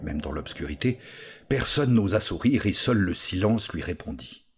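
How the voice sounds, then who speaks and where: A man reading a storybook aloud with expressive, unhurried storytelling. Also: low voice, breathy edge. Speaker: narrator. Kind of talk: storybook narration.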